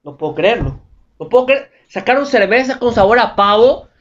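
A man reading out viewer anecdotes and riffing on them with crude, excitable slang in a comedic vlog. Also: extremely high pitch, moderate pace, highs cut off.

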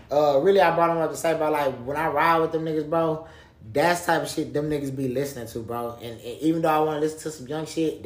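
A man's voice: fairly high pitch, fairly bright tone. Slangy man podcasting in an echoey room. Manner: street slang, repeatedly addresses listener as bro; repetitive, emphatic phrasing. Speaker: podcast co-host. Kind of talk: casual opinionated podcast chat.

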